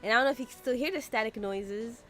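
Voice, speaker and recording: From her room at home, a young woman streams a game and chats into a desk microphone, sounding chatty and exasperated and leaning heavily on "like." Her voice is on the high side, fast and a bit bright, with soft music in the background.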